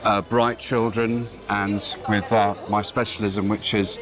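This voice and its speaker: A middle-aged man, a former headteacher, giving measured, assured advice in an interview outdoors on city streets. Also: on the low side, level tone, a crowd in the background. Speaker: former headteacher and admissions advisor. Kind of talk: conversational interview.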